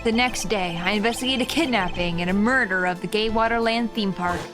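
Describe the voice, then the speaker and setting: A woman voicing a formal, weary male prosecutor from a video game in a measured, deadpan noir-detective monologue. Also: mid-range voice, music in the background, pitched below the performer's own voice, close to an everyday voice. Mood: weary, reflective. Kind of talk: reading game dialogue aloud in character.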